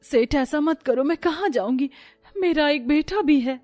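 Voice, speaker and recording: A poor, anxious cartoon mother, voiced by a man in falsetto pleads in a high, strained voice. Her tone stays worried and humble. Faint background music plays under her lines. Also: measured pace, a little mellow. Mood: pleading. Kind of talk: cartoon story voice acting.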